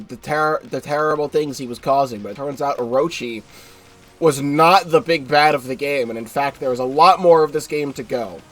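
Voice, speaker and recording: A young man with a fairly high, congested voice streams a game live, offering rambling, casual commentary. He often corrects himself and swears offhandedly.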